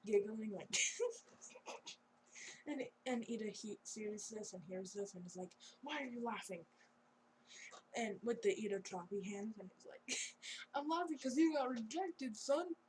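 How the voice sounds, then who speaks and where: A woman's voice: mid-range voice, darkish tone, a little hiss or hum, rough recording. Giggly rambling young woman storyteller. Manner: rambling, giggly, chatty with fillers. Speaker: fan storyteller. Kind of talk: casual improvised story narration.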